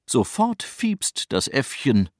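A middle-aged man narrating a children's storybook in a lively, expressive, unhurried manner. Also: mid-range voice, no echo, clean studio sound.

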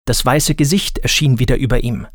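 A man narrating a scripted children's story in a calm, deliberate manner. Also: mid-range voice, no echo, studio quality.

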